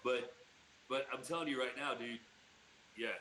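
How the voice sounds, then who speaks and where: A man co-hosts a podcast in easy, rambling chat, padding his thoughts with fillers and laughing often. His voice is bright and forward. The recording has a roomy echo. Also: mid-range voice, fairly even intonation, moderate pace, a little hiss or hum. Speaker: podcast co-host. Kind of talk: casual chat.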